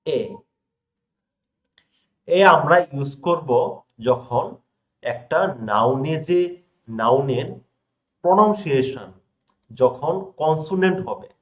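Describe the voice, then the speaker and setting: A young man from India teaching an English grammar lesson, stressing key words, reading example sentences slowly and often asking his students if they follow. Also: a little high, lively intonation. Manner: checks in often with rhetorical questions to students. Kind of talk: classroom lesson explaining examples.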